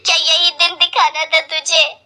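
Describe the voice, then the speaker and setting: A woman voicing an exasperated middle-aged mother-in-law in a cartoon story, loud, scolding and dramatic. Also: extremely high pitch, level tone, a little slow, pitched above the performer's own voice, full character voice. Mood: despairing.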